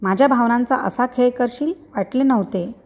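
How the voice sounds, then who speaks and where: A woman's voice: a little high, normal speed, lightly acted. A woman reading a story aloud, voicing a hurt and angry young man who speaks bitterly and accusingly.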